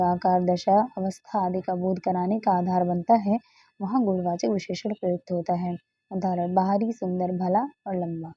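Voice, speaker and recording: A woman's voice: medium pitch, warm tone, husky, no echo, dull audio. A woman tutor going through exam questions one by one, repeating key answers patiently and moving on with short fillers. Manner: frequent "ठीक है" and "okay, next है" fillers.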